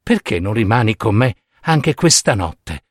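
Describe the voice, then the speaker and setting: A man voicing a sorrowful, gentle prince. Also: on the low side, very animated, measured pace, breathy edge, no room sound, clean studio sound, heavily acted. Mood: tender. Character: sad, kind statue prince, gentle and giving.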